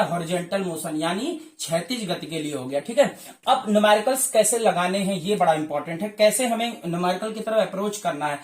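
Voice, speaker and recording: A man teaching a physics lesson at a whiteboard for exam preparation. He works through each step and keeps checking in with a quick "okay". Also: sits high, echoey room. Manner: addresses viewers fondly as dear children.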